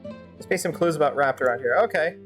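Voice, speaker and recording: Speaking fast in a low voice, a young game streamer rambles through casual live commentary, thinking out loud as she plays. Faint game music can be heard in the background of the stream.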